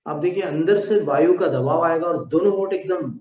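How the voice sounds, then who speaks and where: A man teaching a slow lesson on pronunciation, demonstrating sounds syllable by syllable. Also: fairly high pitch, a little mellow. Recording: echoey room, dull lo-fi sound.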